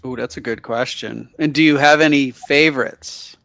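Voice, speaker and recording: A man's voice: mid-range voice, steady tone, moderate pace, vocal fry, sharp tone, no room sound. A man chatting casually as co-host of a live stream, greeting viewers and talking with his partner.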